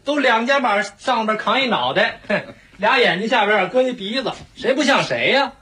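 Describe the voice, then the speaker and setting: A man's voice: very high-pitched, animated, normal speed, sharp tone, husky, exaggerated voice. An actor playing a sly, sarcastic middle-aged husband in a sitcom, teasing his wife. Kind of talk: sitcom acting.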